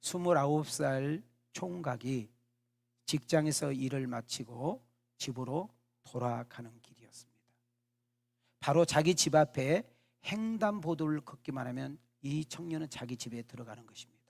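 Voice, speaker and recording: A man's voice: on the high side, expressive, moderate pace, creaky, darkish tone. A male pastor telling a story in a sermon, with dramatic storytelling that addresses the congregation directly.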